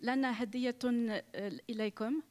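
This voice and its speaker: A woman working as a live interpreter at a church gathering, speaking quickly. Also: on the high side, steady tone, a little mellow.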